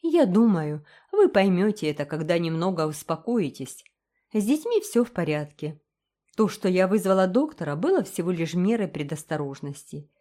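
A woman's voice: lowish voice, big pitch swings, warm tone. Woman reading a cool dignified young teacher. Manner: measured, icy politeness.

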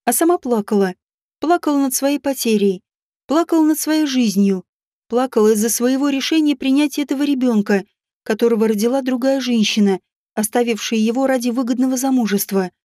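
A woman reads a fantasy audiobook aloud, her voice a little higher than most. She tells the story with expression, and the sound is close and dry with no room around it. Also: brisk, mellow, dry recording. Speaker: audiobook narrator. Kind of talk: scripted narration.

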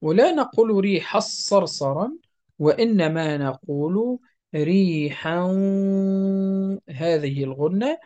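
A patient recitation teacher walks through each rule at an unhurried pace, in a soft, mellow tone. Every example is repeated several times, with the nasal sounds stretched out so the learner can hear them. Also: medium pitch, lively intonation, muffled recording. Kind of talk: step-by-step recitation lesson.

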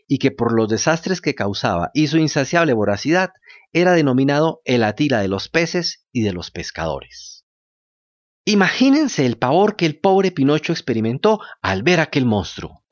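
A male storyteller reads a scripted radio tale with dramatic flair. His pitch rises and falls in lively arcs. The sound is dull and lo-fi, as from an old broadcast. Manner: dramatic, expressive reading.

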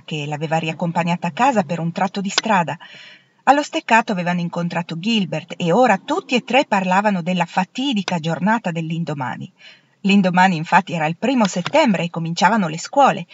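A woman narrating a novel as an audiobook reader, in a gentle, unhurried storytelling manner. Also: lowish voice, a little hiss or hum. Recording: dull lo-fi, dry.

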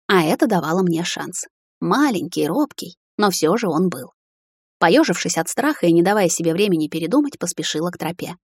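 A woman narrating a novel in the first person, in a steady, measured reading. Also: fairly low pitch, breathy edge, no echo, clean studio sound. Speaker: audiobook narrator.

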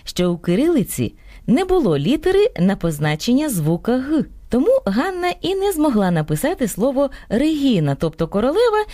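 A woman co-hosting a radio program, reading a script in a clear, measured way. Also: high-pitched, huge pitch swings, dark tone, dry recording. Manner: clear, measured explanatory delivery. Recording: dry radio studio with faint music.

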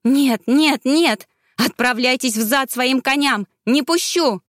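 A woman voicing a defiant young noblewoman who cries out and pleads in a high, loud voice in an audiobook. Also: slow pace, no echo, clean studio sound. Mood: frantic.

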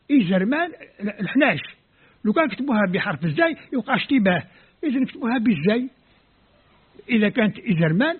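A man's voice: extremely high pitch, breathy edge. A man from Algeria speaking Arabic with an Algerian accent, Kabyle his first language, lecturing as a scholar and sounding out letters and words step by step. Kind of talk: explanatory lecture. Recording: tinny phone-like lo-fi audio.

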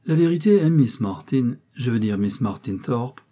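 A man voicing a tearful, agitated gentleman who pleads haltingly in an audiobook. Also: mid-range voice, animated, close to an everyday voice. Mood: pleading, emotional.

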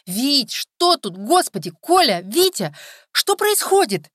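A woman's voice: mid-range voice, big pitch swings, normal speed, dry recording, clean studio sound, voice pushed up. A woman reading an audiobook, voicing a frightened young wife who pleads and gives orders urgently. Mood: alarmed. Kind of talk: audiobook character voice.

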